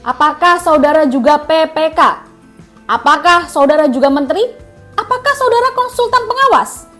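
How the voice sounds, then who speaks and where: A middle-aged male judge, stern but fond of a joke, fires off sharp rapid questions in a high, raised voice, as a woman news host puts him on. Faint music plays underneath. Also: natural voice. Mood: stern questioning.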